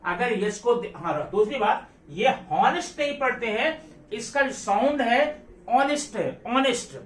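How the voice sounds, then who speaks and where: A man's voice: extremely high pitch, lively intonation, a little slow. A male teacher giving a classroom grammar lesson, who keeps asking his students questions and repeats key words. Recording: echoey room, voice from a distance.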